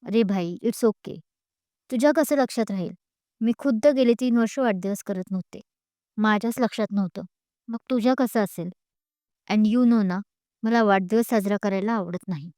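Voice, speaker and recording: A woman's voice: mid-range voice, normal speed, warm tone, dry recording, studio quality, natural voice. A woman playing a playful teasing young heroine. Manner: teasing, laughing as she talks. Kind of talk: audio story character voice.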